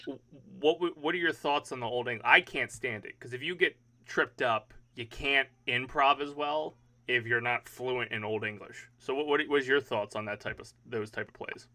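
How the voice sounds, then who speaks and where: A man's voice: mid-range voice, normal speed, few pauses, pushed and bright. A young man hosting a podcast, chatting casually, cursing now and then and trailing off mid-question. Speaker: podcast host.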